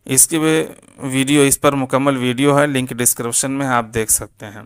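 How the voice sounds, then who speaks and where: A man teaching word-by-word meanings in a slow, deliberate lesson, repeating each meaning. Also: medium pitch, fairly even intonation, clear, resonant tone. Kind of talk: step-by-step lesson.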